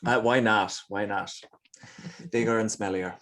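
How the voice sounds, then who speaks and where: A man's voice: lowish voice, steady tone, measured pace, a bit bright. A man from the west of Ireland with an Irish accent, chatting casually and playfully as an interview guest, with self-deprecating humour. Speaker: guest comedian.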